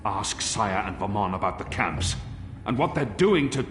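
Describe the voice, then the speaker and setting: An actor playing a defiant, earnest young apostle turned rebel in a video game, intense and principled. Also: male voice, lowish voice, expressive, normal speed, background noise, lightly acted. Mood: accusing. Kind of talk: dramatic video game acting. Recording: echoey hall with music.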